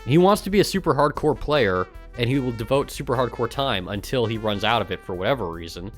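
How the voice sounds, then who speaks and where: Casually streaming, a gaming guild member reads things out and tacks on exasperated, sarcastic remarks full of swearing. His medium-pitched voice is expressive and fairly quick, with faint music behind.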